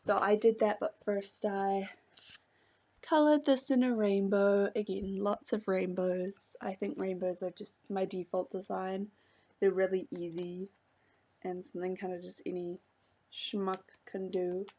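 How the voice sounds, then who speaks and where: A young woman craft vlogger casually shows off her journal pages, rambling with lots of fillers and little laughs. Her medium-pitched voice is level, a little slow, and dark in tone, slightly hoarse from an oncoming cold.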